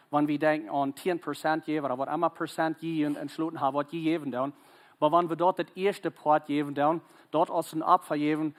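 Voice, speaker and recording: A man with a Plautdietsch accent preaching a sermon, earnest and urging, often pausing and restarting mid-sentence. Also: fairly high pitch. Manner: halting, frequent hesitations and restarts.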